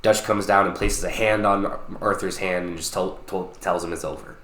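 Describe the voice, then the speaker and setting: A man in his late twenties co-hosting a podcast, retelling a game story in a casual, animated way and swearing freely. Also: low voice, normal speed, reverberant. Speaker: podcast co-host. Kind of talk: casual chat.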